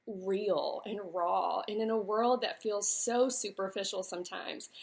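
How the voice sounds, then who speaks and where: A woman in her thirties speaks on a live stream as author and host, talking openly about her life and work. She is emotional and close to tears, her words catching in places. She talks loosely and personally, with plenty of fillers and restarts. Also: a little high. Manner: emotional, tearful at times, with fillers and self-corrections.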